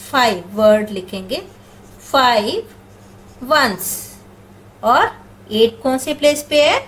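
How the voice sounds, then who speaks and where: A woman's voice: high-pitched, slight background noise, low-quality recording. A woman teaching math, patiently walking through each step and answering her own questions, with number words mixed into her speech. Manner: patient, asks questions and answers them herself. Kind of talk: step-by-step classroom explanation.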